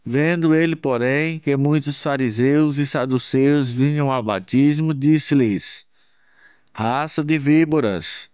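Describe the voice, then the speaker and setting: A man from Brazil, hosting his channel, reads a Bible passage aloud in a slow, measured, solemn way. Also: a little high, darkish tone, smooth, no room sound, lo-fi sound. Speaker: channel host reading scripture. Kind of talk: Bible reading.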